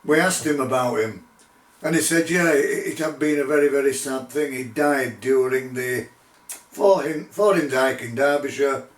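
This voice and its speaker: A middle-aged man telling his own paranormal investigation story in a measured, deliberate way, with pauses. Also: mid-range voice. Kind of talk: unscripted spoken storytelling. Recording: roomy echo, distant microphone.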